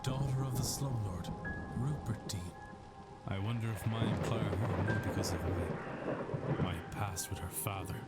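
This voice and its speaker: A man's voice: measured pace, lightly acted. An actor playing a weary male investigator, murmuring his thoughts to himself, as video game voice acting. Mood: brooding. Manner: low, brooding inner monologue. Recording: game audio over loud music.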